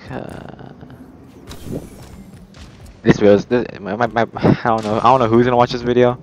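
A man's voice: medium pitch, level tone, normal speed, highs cut off, slight background noise. A young man chatting casually with friends over a voice call while gaming, rambling and hesitant. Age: young adult. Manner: rambling, hesitant, lots of restarts. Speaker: gamer in voice chat. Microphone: headset or desk mic on a call.

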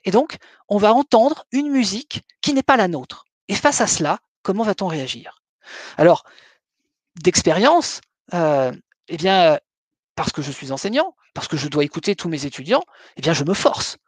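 A middle-aged man giving a webinar lecture, measured and hesitant, with frequent fillers between phrases. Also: high-pitched, sing-song, no room sound.

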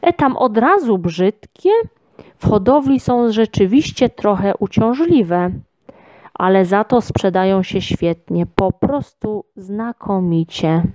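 A woman's voice: mid-range voice, lively intonation, takes it slowly, darkish tone, dry recording. A woman reading as a pushy gardener salesman. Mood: salesy. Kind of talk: storybook reading.

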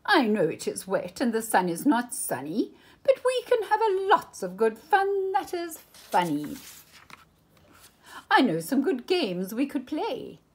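A woman's voice: on the high side, wildly swooping pitch, a little slow, breathy edge, pitched above the performer's own voice, exaggerated voice. A woman voicing a playful, boastful trickster cat from a storybook in a showy, sing-song, emphatic way.

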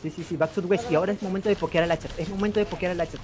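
A man calling out rapid, repetitive battle commands to his team over voice chat. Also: high voice, fairly even intonation. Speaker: raid caller.

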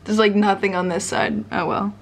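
A woman's voice: mid-range voice, flat delivery, normal speed. A young woman chatting casually in a vlog, laughing often and joking sarcastically at herself. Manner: giggly, self-mocking, sarcastic. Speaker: vlogger.

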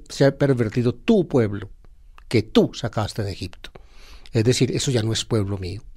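Priest, mid-pitched male voice, warm and mellow, reads scripture, then reflects with fillers. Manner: addresses listeners directly. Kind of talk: sermon reflection on a Bible reading.

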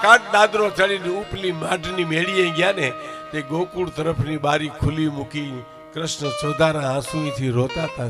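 A man telling a devotional folk story on stage, dramatic and emotional, shifting into the voices of his characters. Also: a little high.

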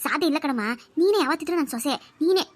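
A woman voicing a scheming older aunt and mother-in-law in a cartoon, speaking in a low, bossy, conniving way. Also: animated, rapid-fire. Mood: soothing. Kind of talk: Kannada cartoon voice acting.

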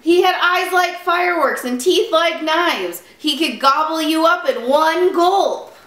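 Storybook bear cub, kind and earnest, high voice, read by a woman; echoing room. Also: expressive, slow, a bit bright. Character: Little Bear, kindly young bear cub, reassuring friends. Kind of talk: children's storybook character voice. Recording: roomy, echoing sound.

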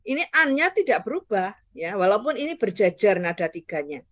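A woman's voice: mid-range voice, sing-song, fairly quick, no room sound. A woman teaching Hakka in an online class, patiently modeling tone syllables for learners to repeat and checking in with them often. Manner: keeps checking understanding with "ya".

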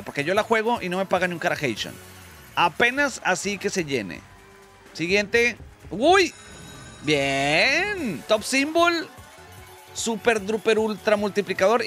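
A man with a Mexican accent giving excitable, slangy commentary on slot machine spins as the channel host. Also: sits high. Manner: excitable, slangy, exclaims at wins. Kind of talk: casual gambling commentary.

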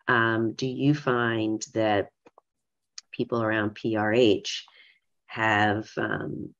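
A woman's voice: a bass voice, little pitch movement, drawn-out words, dull audio. A woman executive giving a conference presentation remotely, speaking conversationally and often adding "right?" to her points. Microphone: remote video call audio.

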